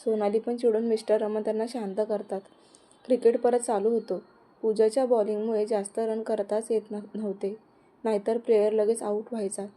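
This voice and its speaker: Bright-voiced woman narrating a romance story. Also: on the high side, little pitch movement, brisk. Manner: reads all the characters' dialogue in her own voice.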